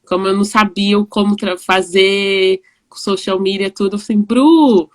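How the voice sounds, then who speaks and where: A woman in her forties from São Paulo with a São Paulo Brazilian Portuguese accent, chatting warmly as host of a live video call, with frequent restarts. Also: medium pitch, fairly even intonation, moderate pace. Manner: chatty, warm, laughing often, many restarts. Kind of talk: casual video call chat.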